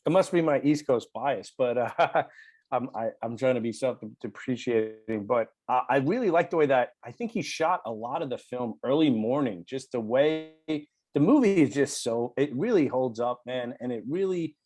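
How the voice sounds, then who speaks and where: A podcast host with a Long Island accent, talking enthusiastically and self-deprecatingly, swearing casually. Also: male voice, mid-range voice, expressive, normal speed, darkish tone, no room sound.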